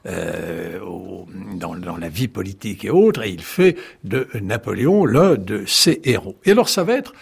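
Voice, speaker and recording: Gravelly, very husky male historian. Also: lowish voice, unhurried, few pauses. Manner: animated storyteller, wry asides and restarts. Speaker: historian guest. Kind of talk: radio interview, explaining at length.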